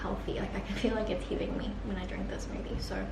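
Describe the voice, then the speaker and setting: Just woken up and still croaky, a young vlogger chats casually and upbeat to camera for a day-in-the-life video, full of fillers. Her mid-range voice is flat in delivery but quick in pace. The space is echoey, with clear background noise.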